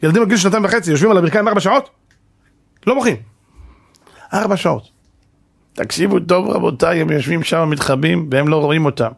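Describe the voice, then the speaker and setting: A man's voice: on the high side, gravelly, pauses often. A man, a rabbi, giving a sermon-style Torah lecture before a live audience, telling a story dramatically and asking the listeners rhetorical questions.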